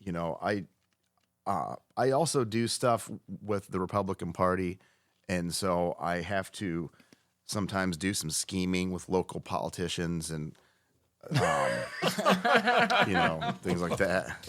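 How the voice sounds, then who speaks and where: Low, dry-voiced man telling a story. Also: animated, fairly bright tone, dry recording. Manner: loose, profane, halting with restarts. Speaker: podcast guest. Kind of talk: casual storytelling chat.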